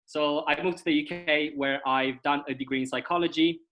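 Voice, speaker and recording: The speaker is a young Romanian man being interviewed casually over video, explaining at length and frequently adding "right?" or "okay?" to check in. His voice runs on the high side and is fairly bright, brisk in pace with fairly even intonation.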